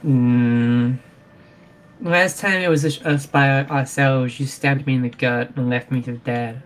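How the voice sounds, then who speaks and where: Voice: medium pitch, fairly even intonation, slow pace. A player in a tabletop role-playing game, chatting casually and speaking for their character.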